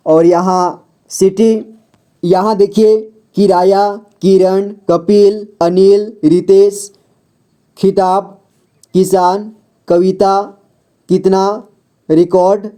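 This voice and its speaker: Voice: mid-range voice, little pitch movement, drawn-out words, long pauses, mellow. A patient teacher giving a beginners' reading lesson in voice-over, sounding out each word, asking the learner questions and answering them, and checking in often. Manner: patient, repeats words and checks with "ठीक है"; asks the viewer questions, then answers them.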